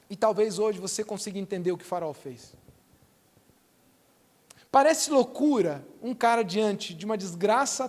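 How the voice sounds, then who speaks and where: A man with a Brazilian Portuguese accent preaching a sermon in a church, with animated, repetitive, emphatic storytelling. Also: sits high. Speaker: pastor. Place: church hall. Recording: reverberant church hall.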